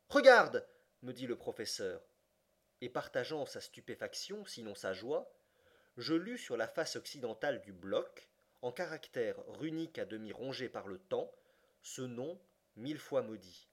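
A man reads a classic adventure novel aloud for an audiobook, at an ordinary middle pitch. His narration is expressive and lifts sharply when the story grows excited. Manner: expressive reading that rises sharply for excited passages. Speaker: audiobook reader.

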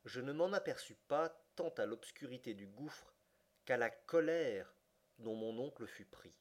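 A man narrating a classic adventure novel as an audiobook, with an expressive reading that climbs high for excited passages. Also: a little slow. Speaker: audiobook reader.

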